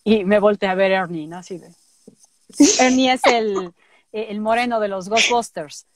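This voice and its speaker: A woman with a Mexican accent, a voice actress telling stories in a lively way in an interview. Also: mid-range voice, measured pace, crowd noise. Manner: lively, acts out quotes. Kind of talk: casual interview storytelling.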